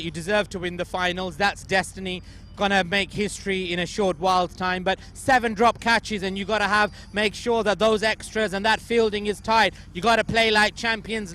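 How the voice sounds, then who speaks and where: A man's voice: high voice, fairly even intonation, normal speed, fairly bright tone, a little hiss or hum. A man interviewing cricket players outdoors before a final, effusive and directing players and camera. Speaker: pitchside interviewer. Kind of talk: cricket pre-match interviews. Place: outdoors at a cricket ground at night.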